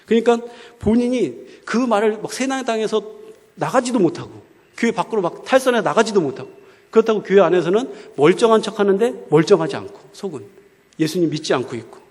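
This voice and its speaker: A man's voice: sits high, lively intonation, a little fast, a little mellow, husky. A male preacher giving a conversational sermon and often asking the congregation rhetorical questions. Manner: asks the crowd rhetorical questions, colloquial. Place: church hall. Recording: long echo of a church hall.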